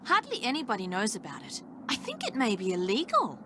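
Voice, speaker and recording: A woman's voice: on the high side, huge pitch swings, fairly quick, noisy background. A woman voicing a chatty, breezy young woman fashion model in a mystery game. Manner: breezy, gossipy.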